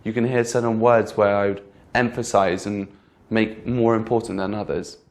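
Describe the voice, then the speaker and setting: In a lowish, darkish voice with a steady tone, a man leads an online lesson on English pronunciation. He repeats example words with patience, slowing his speech to point out the stressed words.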